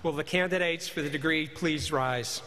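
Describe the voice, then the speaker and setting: A man formally announcing graduates at a commencement, speaking at a podium microphone and reading names in a measured, deliberate way. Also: on the high side, pushed and bright, a little hiss or hum. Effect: speaking into a podium microphone in a large hall. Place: large ceremony hall. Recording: reverberant hall, faint ambience.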